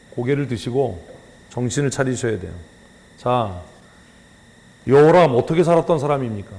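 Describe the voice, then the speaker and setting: A man preaching a sermon as pastor, firing rhetorical questions at the congregation and swinging from loud scolding to hushed emphasis. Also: fairly high pitch. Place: church sanctuary. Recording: long church hall reverb.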